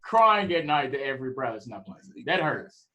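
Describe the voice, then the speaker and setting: A man's voice: mid-range voice, sing-song, normal speed, bright, forceful tone, muffled recording. A man co-hosting a sports podcast, playful and teasing, joking with mock drama. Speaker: podcast co-host. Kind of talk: casual sports podcast chat.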